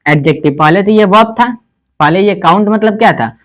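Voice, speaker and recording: A man teaches an English lesson in Hindi at a steady classroom pace. He keeps asking the class questions and answering them himself. When he gives an example word, he slows down and spells it out letter by letter. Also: high-pitched. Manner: spells words out letter by letter, slowly.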